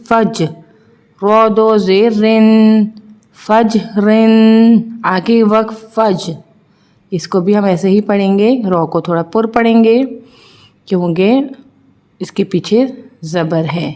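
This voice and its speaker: A woman's voice: mid-range voice, dark tone. A woman teaching children to read, spelling out letters and vowel marks one by one, then explaining each rule. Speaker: Quran reading teacher. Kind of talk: children's recitation lesson.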